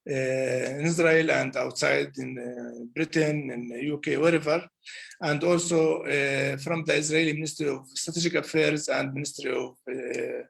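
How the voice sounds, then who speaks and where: A man, speaking haltingly on a video call with many fillers. His audio keeps cutting in and out. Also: a little high, creaky, slightly rough. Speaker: human rights organization representative. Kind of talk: panel talk over a video call. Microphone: computer microphone on a video call.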